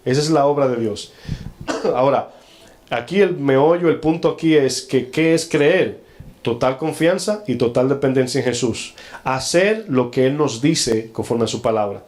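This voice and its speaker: A man's voice: medium pitch, moderate pace, a little mellow. Man preaching a sermon. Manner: preaching to a congregation, asking them questions often; acts out quoted lines in a changed voice. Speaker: pastor.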